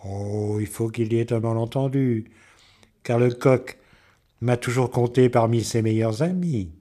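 A man voicing a sly, charming male fox who talks slowly and sweetly in a storybook reading. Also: medium pitch, warm tone, close to an everyday voice. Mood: reassuring. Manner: slow, honeyed and falsely friendly.

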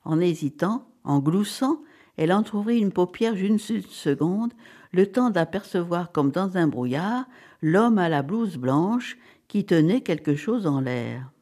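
Animated French woman reading aloud. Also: fairly low pitch, measured pace. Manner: animated, dramatic. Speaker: narrator. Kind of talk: expressive audiobook reading.

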